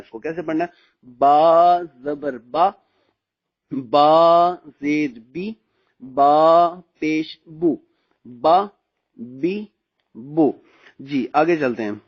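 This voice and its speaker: A man with a Pakistani Urdu accent teaching how to read the Quran in braille. His voice sits a little high. He patiently explains, then slowly draws out each letter sound. The recording is dull and lo-fi. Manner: slow, drawn-out recitation of letter sounds between explanations; patient, repeats "theek hai" often.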